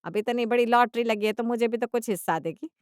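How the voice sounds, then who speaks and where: A woman voicing a greedy, scheming older mother-in-law who coaxes sweetly and then bursts out loud, recorded dry. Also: fairly high pitch, fast, smooth, dry recording, close to an everyday voice. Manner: sugary coaxing, with sudden loud outbursts.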